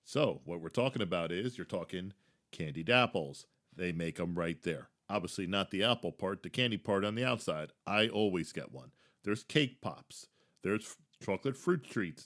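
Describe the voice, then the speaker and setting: A man's voice: sits low, fairly bright tone. A man hosting a podcast, chatting casually and enthusiastically as he gives food tips, often restarting his sentences. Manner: chatty, enthusiastic, repeats words when restarting. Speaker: podcast host. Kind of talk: casual theme-park tips talk.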